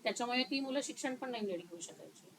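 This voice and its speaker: A woman counselor talking through her career in an interview, slow and thoughtful with many pauses. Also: a little high, expressive, background noise.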